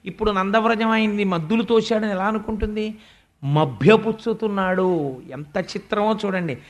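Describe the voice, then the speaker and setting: A man giving a devotional discourse, telling stories with animation and reciting verses slowly. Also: high voice. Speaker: spiritual discourse speaker.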